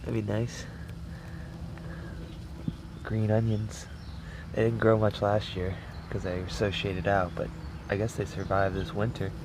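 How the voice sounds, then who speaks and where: A man's voice: on the low side, flat delivery, a little slow, pauses often. A man giving a casual, laid-back walk-and-talk garden vlog with mild swearing, recorded outdoors. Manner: laid-back, mildly profane. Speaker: gardener vlogger. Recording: noisy outdoor recording with ambient sounds. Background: outdoor ambience.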